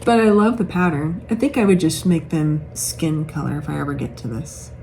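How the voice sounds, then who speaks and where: She's a craft vlogger showing off cross-stitch patterns, speaking casually to camera in a low, slightly mellow voice at normal speed while gushing and thinking aloud. The recording carries obvious background noise from the room.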